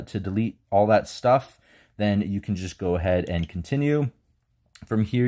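Laid-back man giving how-to steps. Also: fairly low pitch. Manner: relaxed step-by-step instructions. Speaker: tech tutorial host. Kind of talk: casual how-to walkthrough. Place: indoors, filming over a bed.

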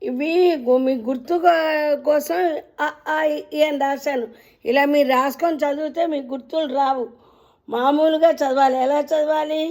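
A woman teaching the alphabet, chanting each letter name slowly and drawing out the sounds, and gently addressing her listeners. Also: sits high, fairly even intonation. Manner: drawn-out chanting of letter names. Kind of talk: slow teaching recitation.

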